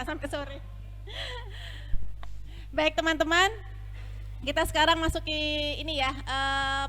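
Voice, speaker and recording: Brief: young woman trainer, high and bright, upbeat, gets the room repeating vowels. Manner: upbeat, coaxes the group to repeat aloud. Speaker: front office trainer. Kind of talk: lively training session.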